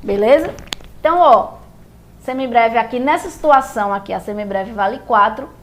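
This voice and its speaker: A Brazilian woman with a Brazilian Portuguese accent teaches music theory, explaining rhythm step by step at a normal speed in a voice on the high side. She is patient, repeats herself, and often checks in with viewers by asking "beleza?".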